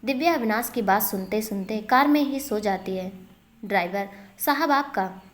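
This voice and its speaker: Brief: steady woman storyteller, mid-pitched, plain even reading. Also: moderate pace. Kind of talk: storybook narration.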